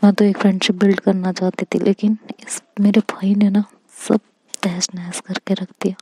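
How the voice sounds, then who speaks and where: A woman voicing a flustered young man who stammers and stubbornly refuses, in a husky, flat voice. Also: mid-range voice, moderate pace, no echo, natural voice.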